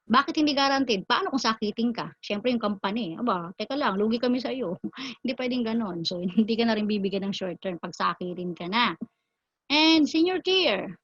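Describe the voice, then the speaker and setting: Filipino woman, mid pitch, lively seminar educator, dry slightly muffled recording. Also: moderate pace, no echo. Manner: animated, asks and answers her own questions. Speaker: financial educator. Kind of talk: seminar talk on health plans.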